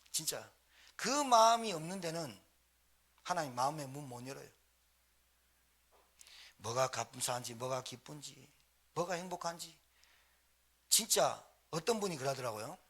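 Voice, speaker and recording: Man, pastor, bright husky voice, rhetorical questions. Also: a little high, measured pace, long pauses. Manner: animated, fires rhetorical questions at the congregation. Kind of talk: storytelling sermon. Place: church sanctuary.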